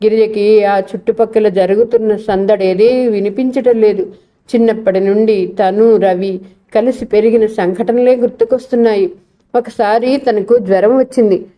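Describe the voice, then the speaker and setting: A woman narrating a novel in a steady, even storytelling voice. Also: mid-range voice, normal speed. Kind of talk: novel reading.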